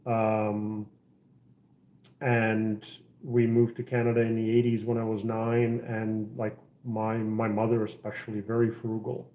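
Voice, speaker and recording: Middle-aged guy chatting on a livestream at home, mellow voice, lots of ums and restarts. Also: lowish voice, completely flat delivery, unhurried, echoey room. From Czech Republic. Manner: rambling, many fillers and restarts. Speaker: livestream host. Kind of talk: casual livestream chat. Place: house interior.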